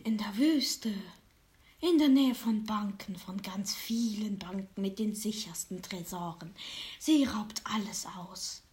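A woman voicing a mysterious fortune teller who speaks in slow, hushed whispers. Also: mid-range voice, natural voice. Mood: secretive.

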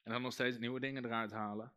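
A man's voice: medium pitch, steady tone, fast, a bit bright, clean tone. A man, a pastor, preaching a sermon and calling out to his congregation. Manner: preaching with rising emphasis and calls to the congregation.

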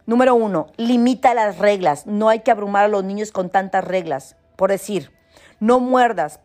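A woman's voice: mid-range voice, a little mellow. A middle-aged woman gives parenting advice in casual talk and reads passages from a book, earnestly addressing listeners and often checking in with "¿sí?". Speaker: mother giving parenting advice.

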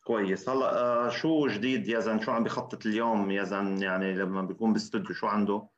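A man hosting an interview chat, asking brisk, friendly questions. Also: lowish voice, steady tone. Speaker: show host. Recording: dull lo-fi sound.

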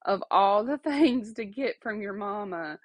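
At home alone, a woman hosts a casual faith podcast, chatty and apologetic, laughing often and checking in with "okay?" Her mid-range voice sounds stuffy and sniffly and she speaks expressively and unhurriedly. The recording is dry.

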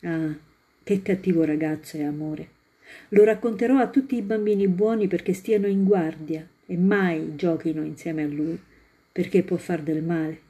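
A woman reading a storybook and voicing a kind old male poet in a soft, gentle, slightly lowered tone. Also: normal speed, lightly acted. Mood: sorrowful.

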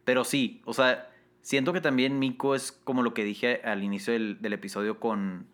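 Un hombre con acento mexicano que presenta un pódcast en tono de charla informal, relajado y con comentarios rápidos. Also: male voice, medium pitch, little pitch movement, normal speed, a bit bright. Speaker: podcast host. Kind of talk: casual chat.

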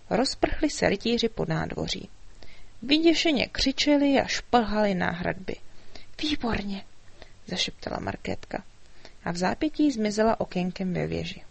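A woman narrating a children's storybook in a lively, animated way. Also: mid-range voice, vocal fry, no echo.

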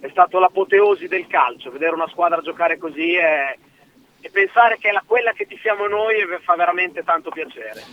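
A man on a phone link giving earnest football analysis. His voice is high and comes through a dull, muffled line. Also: normal speed. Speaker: radio pundit on phone link. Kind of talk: casual phone-in sports chat.

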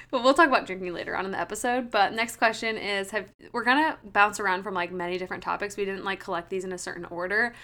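Bright-voiced chatty woman in her twenties. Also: mid-range voice, fast talker. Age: 20s. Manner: chatty, fills talk with "like". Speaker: podcast co-host and personal trainer. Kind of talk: casual podcast chat.

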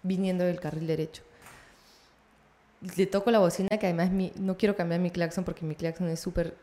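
A young woman with a Peruvian Spanish accent telling a road story in casual chat, animated and often laughing. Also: lowish voice, a little fast. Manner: animated, laughing, acts out voices in her anecdotes.

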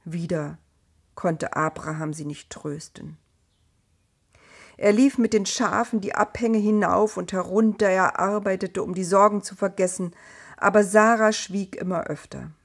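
A woman reading a storybook tale aloud in a calm, measured, gently expressive way. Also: medium pitch. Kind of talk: scripted storybook narration.

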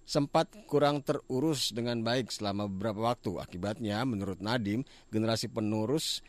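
A man's voice: fairly low pitch, moderate pace, no echo. Dry-sounding male radio presenter. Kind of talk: radio education news reading with chatty greeting. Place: radio studio.

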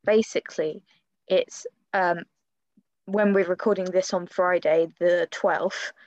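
A woman's voice: fairly low pitch, fairly even intonation, slow, darkish tone, no room sound. A young woman in her twenties co-hosting a casual podcast, chatty and playful, teasing her friend and laughing often. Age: 20s. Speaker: podcast co-host. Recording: slightly dull lo-fi sound.

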